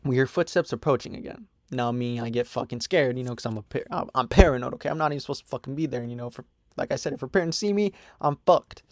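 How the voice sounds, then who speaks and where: A man's voice: mid-range voice, fast talker, few pauses, no echo, studio quality. Young man telling a profane, rambling story. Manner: profane, rambling, full of "you know" and "whatever" fillers. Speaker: storytime vlogger. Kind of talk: casual storytime monologue.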